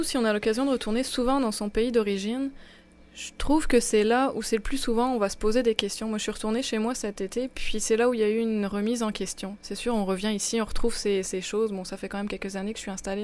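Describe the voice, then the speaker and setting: A woman's voice: fairly high pitch, a little mellow. Thoughtful woman guest. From France. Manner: thoughtful, with frequent restarts. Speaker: guest, immigration project officer. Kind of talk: conversational interview.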